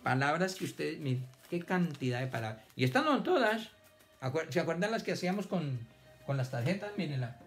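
A man teaching children reading and spelling online. He dictates words slowly, splits them into syllables and praises his pupils. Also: on the high side, sing-song, faint music behind.

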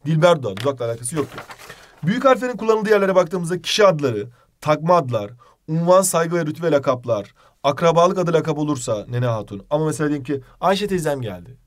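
A man teaching an exam-prep grammar lesson, speaking directly to his students and running through examples in quick lists. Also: fairly high pitch, big pitch swings. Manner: direct, addresses students informally.

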